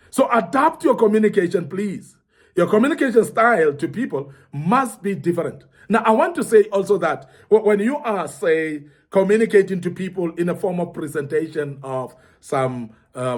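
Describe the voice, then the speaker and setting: A middle-aged man giving an earnest motivational teaching talk to young men, repeating points for emphasis. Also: high voice. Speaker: speaker at a young men's forum.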